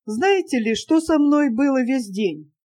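A woman's voice: high voice, animated, a little slow, warm tone. A woman voicing a shy, lovesick young man who speaks in an earnest, pleading, heartfelt way, in an audiobook reading. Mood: urgent.

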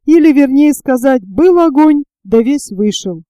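A woman's voice: high-pitched, measured pace, dry recording, studio quality. A woman reading the part of a stubborn, plain-spoken male sailor who talks insistently. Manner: insistent, excited.

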